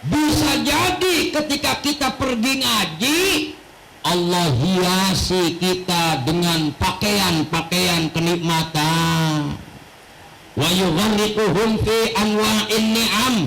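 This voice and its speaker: Male preacher, high voice, slow delivery, lively joking sermon in a mosque, noisy recording. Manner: animated storytelling with jokes and Arabic quotations. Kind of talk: mosque study-circle sermon. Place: mosque hall.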